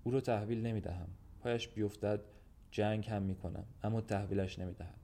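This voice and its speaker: A man's voice: lowish voice, fairly even intonation, warm tone. A man voicing a stubborn schoolteacher who answers in terse, cold lines in a storybook reading. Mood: cold, defiant.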